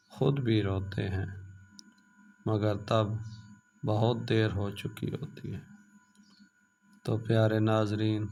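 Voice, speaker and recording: Gravelly-voiced man narrating a moral tale. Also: fairly low pitch, darkish tone, slight background noise. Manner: earnest, pleading preacher tone. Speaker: storyteller.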